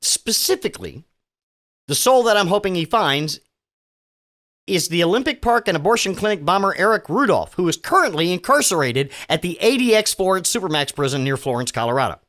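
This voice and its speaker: A male podcast host tears through the week's news with sarcasm and casual profanity. He trips over himself, restarts sentences and lets his voice swing widely in pitch as he mocks each story. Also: very animated, fairly quick, fairly bright tone. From Virginia. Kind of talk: sardonic news commentary podcast. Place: home studio.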